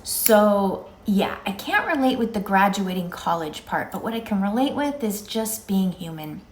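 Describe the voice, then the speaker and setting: A woman's voice: medium pitch, sing-song, moderate pace. A woman in her fifties chatting in a casual, rambling, reflective way, recorded in an echoing indoor stairwell. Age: 50s. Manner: rambling, musing, conversational. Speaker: vlogger. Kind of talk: casual, reflective solo vlog chat.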